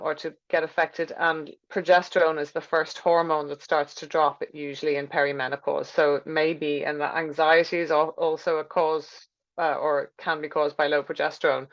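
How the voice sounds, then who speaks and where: A woman giving an informal health lecture with slides, explaining in a chatty way and thinking aloud as she goes. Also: lowish voice. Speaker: teacher presenting a health class. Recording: dull, lo-fi sound.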